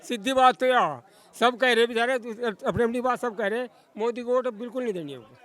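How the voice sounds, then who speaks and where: A man with a very high voice answering a street interview, indignant and forceful as he complains. He speaks emphatically and often demands answers back. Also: a little fast. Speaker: villager interviewed.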